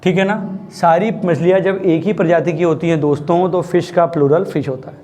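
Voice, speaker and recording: A man's voice: on the high side, fairly even intonation, brisk, warm tone. A man teaching English grammar in a chatty classroom style, often checking that students understood. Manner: chatty, repeatedly asks students if they understood. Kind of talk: classroom lesson, explaining.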